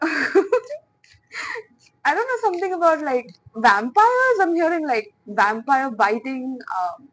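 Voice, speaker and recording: This tarot reader's voice is high and very animated, and she takes it slowly through a pick-a-card reading. Playful and chatty, she speaks to her viewers as piles with many fillers and soft laughs, on a rough recording.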